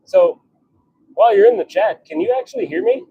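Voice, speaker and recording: In a lo-fi recording with no echo, a man forging knives on a livestream chats casually from his blacksmith workshop, forge and all, muttering short, wry lines to himself and viewers. His very high-pitched voice swoops wildly, gravelly yet warm, and moves fairly quickly.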